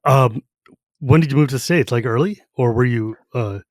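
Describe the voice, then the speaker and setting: A man in his thirties from San Jose, California hosts a podcast, chatting casually and rambling with lots of filler words and easy laughter. His voice is medium-pitched at a normal speed, recorded dry with studio quality.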